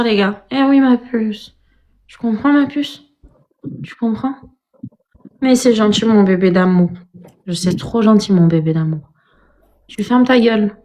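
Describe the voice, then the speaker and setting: A woman's voice: mid-range voice, a little mellow. A young woman chatting casually on a live stream, teasing and slangy, calling her viewers pet names. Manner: teasing, slangy, says "ma puce" a lot.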